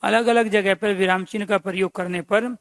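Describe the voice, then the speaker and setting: A man gives an exam-prep lesson in a fairly high voice. He calls his listeners dear friends and keeps quizzing them. The recording is dry, with no room sound. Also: steady tone, moderate pace, fairly bright tone, no room sound. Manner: repeats key phrases and quizzes listeners with questions. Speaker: Hindi grammar teacher.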